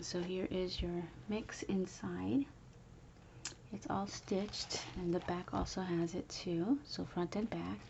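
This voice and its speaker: Woman, soft whisper, chatty, lowish voice, muffled noisy recording. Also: gravelly. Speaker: crafter showing handmade planners. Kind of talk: whispered early-morning craft video. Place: home, early morning.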